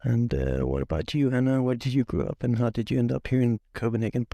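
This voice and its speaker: A young software engineer raised in Belgium co-hosts a casual podcast, speaking haltingly with lots of fillers but plenty of enthusiasm. His voice is medium-pitched with vocal fry.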